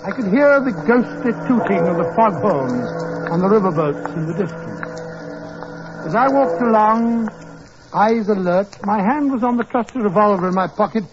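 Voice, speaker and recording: A man's voice: sits high, noisy background. An actor playing a genial older English doctor recounting his adventures in a dramatic, avuncular British storytelling style for 1940s radio drama. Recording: muffled 1940s radio recording with music behind.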